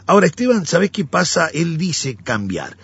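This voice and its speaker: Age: 60s. Sex: man. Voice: gravelly, husky, lively pitch. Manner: animated storyteller. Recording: dull, lo-fi. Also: moderate pace. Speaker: pastor. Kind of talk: conversational teaching.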